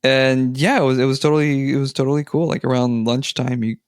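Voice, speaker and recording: A man co-hosts a relaxed podcast, joking around and laughing as he talks. His pitch is middling, and the recording is dry and close to the mic. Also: brisk, clear, resonant tone, no echo. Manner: jokey, laughing often. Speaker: podcast co-host. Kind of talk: casual chat.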